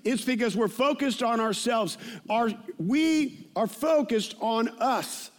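Preaching slowly in a strikingly high voice, a man in his fifties tells personal stories from the pulpit in an informal, conversational sermon. Repeated phrases hammer his points home.

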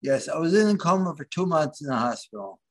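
A man from the Philadelphia area, a guest in an interview, speaking haltingly with many restarts as he searches for words. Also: a little high, sing-song. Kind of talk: interview conversation.

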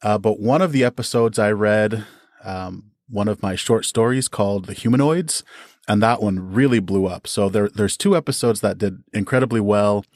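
Appearing as a podcast guest, a storyteller and podcast creator explains things in an enthusiastic, articulate, conversational way. His voice is fairly low and darkish at normal speed, recorded dry with clean studio sound.

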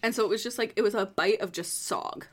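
A woman co-hosting a casual podcast, chatty and giggly with quick asides. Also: medium pitch. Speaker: podcast co-host.

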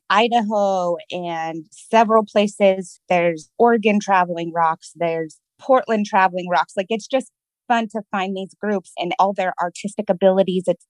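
A woman's voice: mid-range voice, no echo, rough recording. Cheerful woman guest, dry close sound. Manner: cheerful, positive, laughs often. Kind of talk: casual interview chat.

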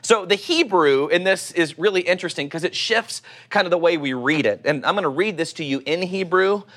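Male preacher, middle-aged, Oklahoma accent, somewhat high voice. Conversational, teacherly delivery of scripture. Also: a little fast, a bit bright. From Oklahoma, United States. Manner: teacherly, asks rhetorical questions and answers them. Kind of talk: conversational sermon with scripture reading.

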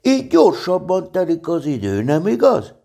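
A man reading a storybook, voicing an eager, impatient little male teddy bear who chatters excited questions. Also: high voice, vocal fry, husky, voice pushed up, exaggerated voice.

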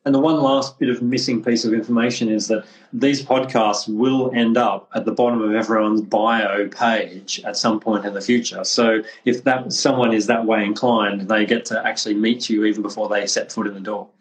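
A man's voice: on the low side, fairly even intonation, normal speed, hardly any pauses, low-quality recording. A man hosting a casual podcast, friendly and rambling, often restarting his sentences. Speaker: podcast host, clinic representative.

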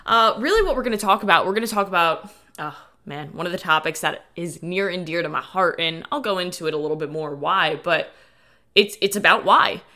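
Bright, forceful woman podcast host. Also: on the low side, brisk. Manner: informal, lightly sweary, addresses listeners as guys. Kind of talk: casual motivational solo podcast talk. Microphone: dedicated podcast microphone.

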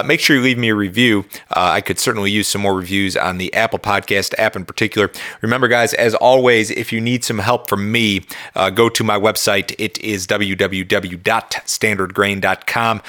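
Low, bright-voiced man, dry close sound. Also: no echo. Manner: conversational, loosely phrased with self-repetition. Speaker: podcast host and market analyst. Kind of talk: informal chart commentary.

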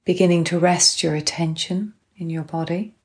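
Calm low-voiced woman guiding a grounding exercise. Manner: calm, gentle, unhurried instructing with long pauses. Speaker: guided relaxation instructor.

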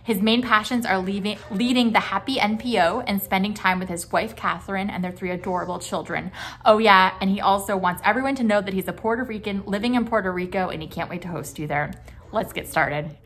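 Woman podcast host, super gushy and excited, lots of "like" and "just", faint hiss behind. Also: mid-range voice, a little fast. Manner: effusive, gushing, many fillers like "just" and "like". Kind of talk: enthusiastic podcast introduction and interviewing.

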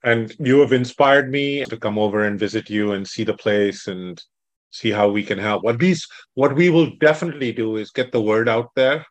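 Enthusiastic podcast host, dry sound. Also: male voice, lowish voice, no echo. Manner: enthusiastic, repeats praise words. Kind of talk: casual podcast interview.

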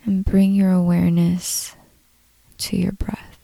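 A woman leading a guided meditation in a soft, breathy, calm voice, unhurried, with long pauses between short phrases. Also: fairly low pitch, no room sound, rough recording. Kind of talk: slow guided meditation narration.

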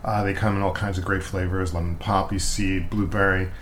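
An American man hosts a podcast in a low, fairly bright voice with little pitch movement, talking fairly quickly over slight background noise. He's chatty and enthusiastic with lots of "uh" fillers, conducting a casual interview and reading his own ads.

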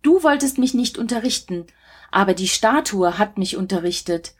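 A woman's voice: mid-range voice, expressive, moderate pace, husky. A woman voicing a devoted young male forest archer who speaks humbly and earnestly to his teacher.

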